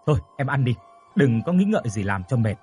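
A man's voice: mid-range voice, sing-song, fast talker, dark tone, faint music behind, natural voice. A man voicing a friendly, polite young man who reassures others and calls out boldly.

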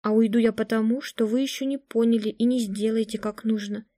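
A woman reading an audiobook gives voice to a detached young woman who talks in a flat, unwilling monotone. The voice sits a little high and sounds mellow, recorded dry and close. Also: fairly quick, no room sound, lightly acted. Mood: flat indifferent.

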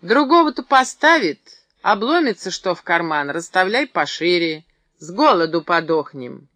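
A man voicing a sly, spiteful village gossip who gloats loudly and mockingly. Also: on the high side, lively intonation, measured pace, no room sound, heavily acted.

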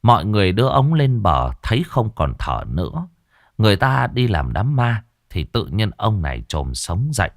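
A man narrating a ghost story in a dramatic, expressive storytelling manner. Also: on the low side, moderate pace, dry recording, studio quality.

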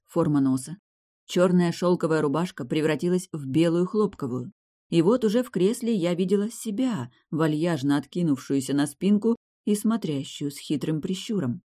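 A woman reading a first-person fantasy audiobook, expressive and wry. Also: fairly low pitch. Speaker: audiobook narrator.

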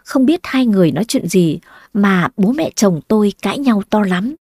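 A woman telling a first-person family story, lively with dramatic exclamations. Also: mid-range voice, moderate pace, no echo, clean studio sound.

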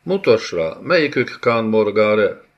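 A man playing a cruel, shouting bey. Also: lowish voice, very animated, dull audio, voice pushed up. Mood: menacing, shouting. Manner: threatening, shouting demands. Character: cruel, impatient male bey interrogator.

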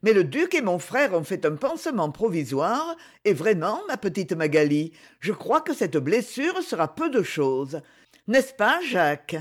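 Man doing a lady companion, kind, soft, reassuring, storybook character. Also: high-pitched, big pitch swings, a little slow, heavily acted. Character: kindly older lady companion, gentle and reassuring.

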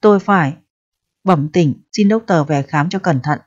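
A woman's voice: lowish voice, moderate pace, close to an everyday voice. A woman voicing a stern, greedy male district mandarin who speaks in a cold, haughty way. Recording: dry, dull lo-fi recording.

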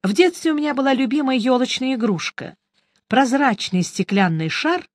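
An audiobook reader giving first-person scripted narration, in a lively, wry storytelling manner. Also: high-pitched, normal speed, dry recording, clean studio sound.

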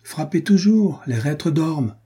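A man voicing a bold, cheeky servant swordsman who shouts in triumph, in an audiobook. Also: fairly high pitch, expressive, a little slow, slightly rough, voice pushed up. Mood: rousing. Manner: loud, triumphant exclamations.

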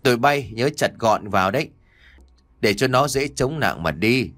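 A man's voice: medium pitch, animated, normal speed, a bit bright, no echo, clean studio sound, lightly acted. A man voicing a cruel, vindictive older landlord in an audio story, menacing and sneering. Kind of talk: audiobook character voice.

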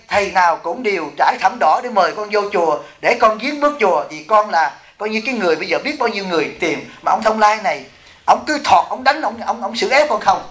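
Middle-aged male abbot, animated sermon storyteller, higher voice, roomy echo. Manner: animated storytelling, acting out quoted voices, asking the audience. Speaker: Buddhist monk and abbot. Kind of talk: dharma talk. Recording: echoey hall.

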